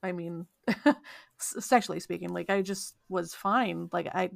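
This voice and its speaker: A woman's voice: on the low side, measured pace, creaky, no room sound, studio quality. A woman in her thirties co-hosting a casual podcast, talking bluntly and swearing freely. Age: 30s. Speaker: podcast co-host.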